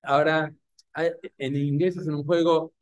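A man with a Rioplatense Spanish accent giving a Torah class to an audience, animated and full of rhetorical questions. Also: a little high, normal speed, no echo, muffled recording. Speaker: rabbi or Torah teacher.

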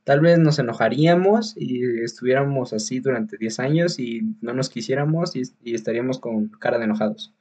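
A man's voice: medium pitch, a little fast, hardly any pauses, a little mellow, dull audio. A man with a Mexican Spanish accent hosting a podcast, reviewing films in casual chat, rambling with many fillers, restarts and slang. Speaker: podcast host.

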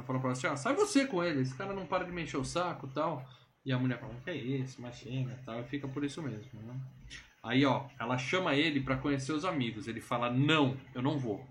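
A podcast host chatting casually and retelling a film scene, acting out the characters' lines. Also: male voice, mid-range voice, a little hiss or hum. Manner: animated storyteller acting out quotes. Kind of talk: casual chat.

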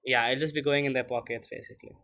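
A man's voice: medium pitch, steady tone, fast, over a noisy crowd. A teenage boy from India co-hosting a casual podcast, talking loosely with lots of fillers. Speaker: podcast co-host.

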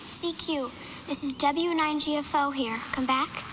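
A lone radio operator on fading shortwave. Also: female voice, sits high, steady tone, unhurried, noisy background. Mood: hopeful. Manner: repetitive, calling out and waiting for a reply. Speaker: amateur radio operator calling out.

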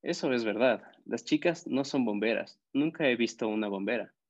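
A man's voice: mid-range voice, animated, moderate pace, close to an everyday voice. A man voicing a shy, formal little girl speaking matter-of-factly, in an audiobook story on a slightly dull recording. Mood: earnest.

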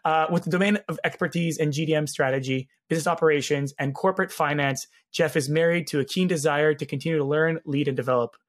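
Male podcast host, slightly high register, raspy and hoarse with a gravelly edge, chatting casually as interviewer. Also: fairly even intonation, fast, hardly any pauses. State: hoarse from laryngitis. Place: home guest bedroom or office.

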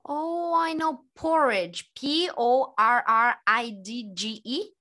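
Bright-voiced woman asking curious questions. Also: on the high side, takes it slowly. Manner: curious, asks many follow-up questions. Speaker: English teacher. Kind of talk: casual conversation lesson.

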